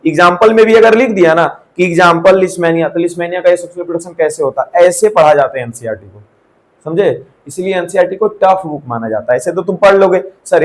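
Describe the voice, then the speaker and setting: A man's voice: high voice, poor audio. A young man giving a live classroom lecture in Hindi, mixing in English terms, asking and answering his own questions and checking in with students. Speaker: teacher.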